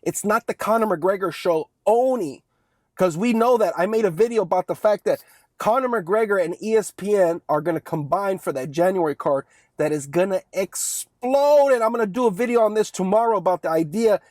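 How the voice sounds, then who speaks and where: Young man, high voice, casual sports vlogger, rambling chat, dry close mic. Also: a little fast, a little mellow, dry recording. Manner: rambling, chatty, keeps asking "right?". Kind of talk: casual one-take sports monologue.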